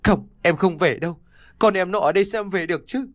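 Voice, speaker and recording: A man voicing a grieving young village mother who pleads and sobs in a raised, hurried voice, for an audiobook. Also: very animated, dry recording, clean studio sound. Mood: wailing grief. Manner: sobbing, pleading, quick and high. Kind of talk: audiobook character voice.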